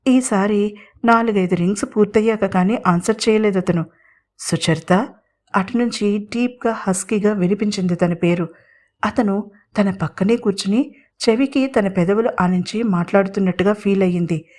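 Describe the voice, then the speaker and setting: A woman narrating a romantic audio serial in a steady, expressive storytelling voice. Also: mid-range voice, normal speed.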